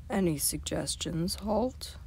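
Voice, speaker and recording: A woman doing a stern bearded baron, low and measured. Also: animated, gravelly, a little mellow, a little hiss or hum, heavily acted. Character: stern bearded middle-aged male baron. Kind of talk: audiobook character voice.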